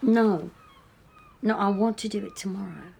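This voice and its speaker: A woman's voice: medium pitch, fairly even intonation, a little slow, gravelly, dark tone, a little hiss or hum. An actress playing a tired, irritable woman with a headache who speaks curtly and sometimes sinks to a whisper. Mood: weary. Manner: curt, drops to a weary whisper. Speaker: bride-to-be.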